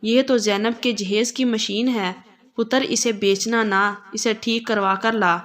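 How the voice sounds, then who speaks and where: A motherly older mother-in-law from a storybook, reassuring and kind. Her voice sits fairly high, read by a woman narrator. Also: fairly even intonation, fairly bright tone, close to an everyday voice.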